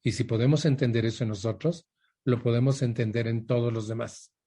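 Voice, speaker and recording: A man's voice: medium pitch, fairly even intonation, brisk, mellow, slightly rough. An older man with a Mexican Spanish accent giving an emphatic motivational talk, repeating his points and asking the audience questions. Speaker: speaker for a women's support group.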